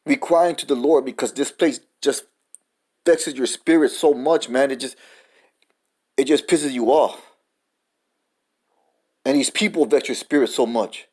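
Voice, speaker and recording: A man's voice: mid-range voice, unhurried, long pauses, darkish tone. Man giving a cursing street-style sermon. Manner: profane, repetitive, says "man" often; reads scripture and definitions aloud. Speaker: preacher. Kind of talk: informal sermon.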